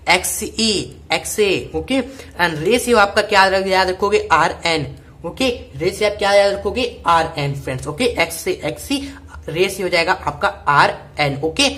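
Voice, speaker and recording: A woman's voice: fairly low pitch, a bit bright. A woman teaching chemistry memory tricks in speech, repeating each cue and asking questions she then answers. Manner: repetitive, call-and-response drilling. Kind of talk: chemistry mnemonic lesson.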